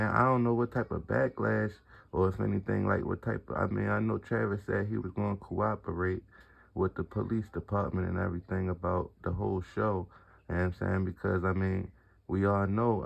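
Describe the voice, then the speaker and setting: Gravelly young-sounding man, slangy eyewitness. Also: low voice. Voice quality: gravelly, husky. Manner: slangy, rambling, repeats "you know what I'm saying". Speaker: concertgoer giving an eyewitness account. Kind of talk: casual street interview.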